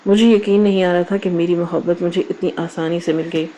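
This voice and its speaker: Woman storyteller, low and mellow, even measured narration of a moral tale. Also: lo-fi sound, a little hiss or hum.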